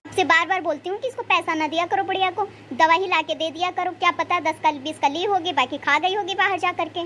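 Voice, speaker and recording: A high-voiced performer plays a cruel young daughter-in-law in a cartoon family drama, mocking and threatening her mother-in-law. Her voice is very high, with a faint hiss of noise behind it. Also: brisk, pushed and bright. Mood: spiteful. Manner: sneering, threatening. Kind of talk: cartoon voice acting.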